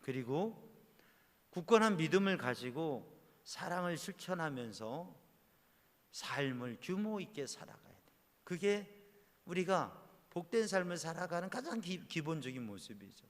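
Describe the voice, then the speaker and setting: A man preaching at a church prayer service, asking the congregation rhetorical questions, his voice rising on key words and then falling low. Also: sing-song, measured pace. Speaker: pastor. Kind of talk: sermon. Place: church sanctuary. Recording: long hall reverb.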